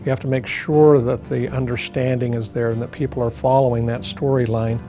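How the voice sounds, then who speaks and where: A man on the production staff explains the show's staging in a deliberate documentary interview. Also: medium pitch, flat delivery, mellow. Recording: music bed under the voice.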